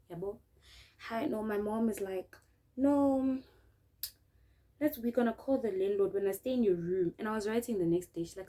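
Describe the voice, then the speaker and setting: A young woman from South Africa, speaking with a South African accent, shares a casual story during her makeup routine for a vlog. Her slightly high voice comes through a low-quality recording as she animatedly acts out quotes and uses local words.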